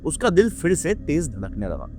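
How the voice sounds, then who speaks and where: A man's voice: huge pitch swings, moderate pace, creaky, mellow, a little hiss or hum. A young man narrating a horror story in dramatic Hindi, acting out the characters' lines with his voice swinging up and down and sprinkling English words into his speech. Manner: acts out characters' lines with rising and dropping pitch. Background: faint background music.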